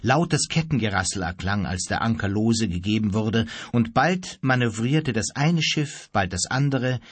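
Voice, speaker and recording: A man reads an adventure story aloud in a dramatic, storytelling way. His voice has a husky grain and moves a lot in pitch. It is recorded dry and close, with no room sound. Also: no echo. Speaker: audiobook narrator. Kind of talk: scripted narration.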